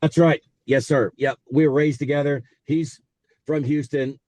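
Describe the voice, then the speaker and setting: A man's voice: on the high side, fairly even intonation, moderate pace, a little mellow, no echo. A man in his forties with a Texan accent, telling stories casually as an interview guest over a car speakerphone while driving. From South Texas. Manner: easygoing, rambling, frequent fillers. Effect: talking on a car speakerphone while driving. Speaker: interview guest, racehorse owner. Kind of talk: casual storytelling over a phone call.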